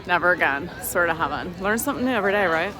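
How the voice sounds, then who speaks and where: A woman's voice: lowish voice, lively intonation, racing, crowd noise, poor audio. A woman chatting casually to the camera as she narrates an outing outdoors, given to exclamations. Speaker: travel vlogger. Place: outdoors at a mountain resort.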